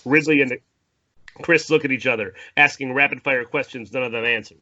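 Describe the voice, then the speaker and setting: At an informal table read, a man narrates a screenplay with theatrical, playful flair, dropping in asides along the way. His medium-pitched voice is fairly quick, pushed and bright, though the highs are cut off.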